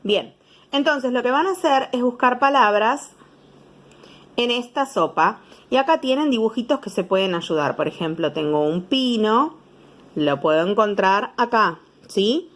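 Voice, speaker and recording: A woman's voice: a little high, lively intonation, measured pace. A young woman teacher with a Rioplatense Spanish accent, patiently explaining homework to young pupils, sounding out syllables and checking in often.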